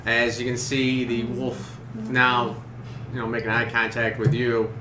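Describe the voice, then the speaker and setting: Male game master, halting tabletop narration, mid pitch, echoey noisy room. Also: completely flat delivery. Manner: halting, searching for words.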